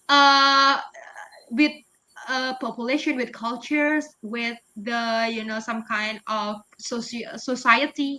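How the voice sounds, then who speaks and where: Here the guest speaker, a young English teacher with an Indonesian accent, responds to webinar questions conversationally, laughing a lot and stumbling through fillers and restarts. Her high voice comes across pushed and bright over a rough recording.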